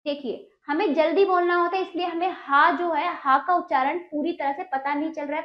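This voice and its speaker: A woman teacher giving a Hindi pronunciation lesson to children, saying each word slowly and repeating it. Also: high voice, echoey room, muffled recording.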